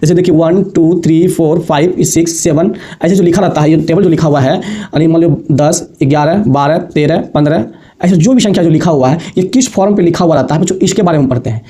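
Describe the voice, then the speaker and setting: A man teaches basic maths in a brisk, warm voice with a fairly high pitch. He goes over points again and again with patience, affectionately calling the students "babu" and "bachchon."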